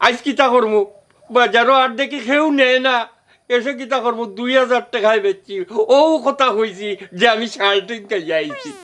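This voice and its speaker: A man's voice: extremely high pitch, normal speed, bright, forceful tone. A man with a Sylheti accent playing a rural father who sells goats and coaxes his crying son in a comedic village drama. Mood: grumbling. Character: rural father, goat seller, fussing and soothing.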